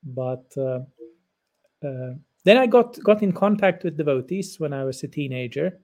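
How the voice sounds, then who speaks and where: Answering interview questions, this Finnish guest lecturer of about fifty, whose first language is Swedish, is thoughtful and halting, with frequent restarts. He sounds animated, and his fairly high voice is a little mellow.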